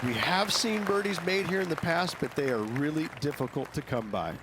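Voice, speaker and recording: A man's voice: fairly high pitch, expressive, normal speed, lightly acted. A man playing a knowledgeable golf analyst in a video game, describing the course in an explanatory broadcast style. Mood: matter-of-fact. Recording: outdoor crowd noise and ambience behind.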